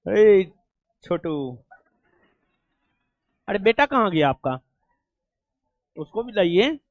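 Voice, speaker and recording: A man, a coaching teacher who talks warmly and coaxingly with students at a felicitation, calling everyone babu. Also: high voice, big pitch swings, very slow, dry recording, lo-fi sound. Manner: affectionate, coaxing, calls people babu. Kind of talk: casual chat at a student felicitation. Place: coaching classroom.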